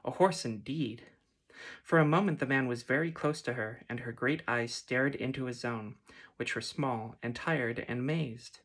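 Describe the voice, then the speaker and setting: A man reads a fantasy storybook aloud in a soft, gentle ASMR manner. His voice sits at an ordinary middle pitch and stays unhurried. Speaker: reader.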